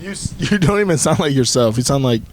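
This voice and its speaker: A man's voice: mid-range voice, lively intonation, fast talker, a loud crowd. A young man co-hosting a podcast in casual chat, joking and rambling, laughing often. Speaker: podcast co-host.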